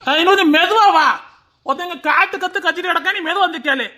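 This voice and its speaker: A woman's voice: extremely high pitch, fast talker. A woman playing a scolding middle-aged male village shopkeeper. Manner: scolding, shouting. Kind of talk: village comedy-drama acting.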